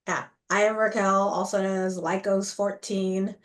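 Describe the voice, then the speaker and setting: A woman's voice: medium pitch, flat delivery, moderate pace. A woman guest chatting casually over a choppy, distant-sounding bad connection on a video call. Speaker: interview guest. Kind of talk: casual chat.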